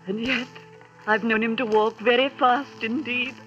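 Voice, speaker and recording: A grief-stricken mother speaks slowly and tearfully in a high, bright voice. Soft music plays behind her, and the sound is muffled, like an old broadcast. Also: fairly even intonation. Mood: mourning.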